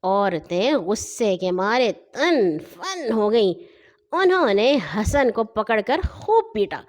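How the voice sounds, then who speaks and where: Woman storyteller, children's tale, lively rising and falling voice, fairly high.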